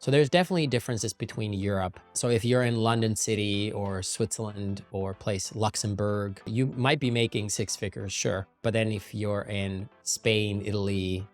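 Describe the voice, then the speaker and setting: A young adult man from Finland, talking casually to camera as a YouTuber and entrepreneur, and lifting his voice on key points. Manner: conversational, lively rises in pitch and loudness on key points.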